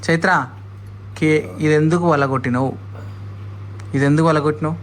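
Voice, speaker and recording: A man's voice: a little high, fairly even intonation, fairly quick, slight background noise. A father, chatting at home with his toddler, coaxing and scolding by turns and repeating words for her. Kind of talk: casual family chat with a toddler.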